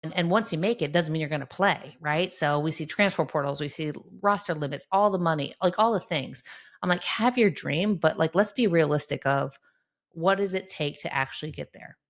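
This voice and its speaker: A woman's voice: low voice, a little fast. A middle-aged woman, a sports psychologist, speaking earnestly and encouragingly in a podcast interview, often checking in with "right?".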